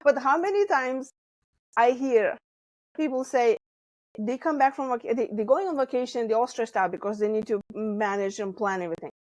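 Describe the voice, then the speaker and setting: A little high and at normal speed, the Lithuanian-accented stress coach, a woman in her forties from Lithuania, tells her story animatedly as a podcast guest, full of laughs and quoted dialogue. The recording has no echo but is rough.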